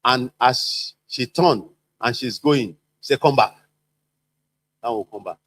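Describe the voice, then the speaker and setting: A man's voice: medium pitch, unhurried, slightly rough. A man giving a workplace training talk, repeating himself and acting out the people he quotes. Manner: animated, repetitive, acts out quoted voices.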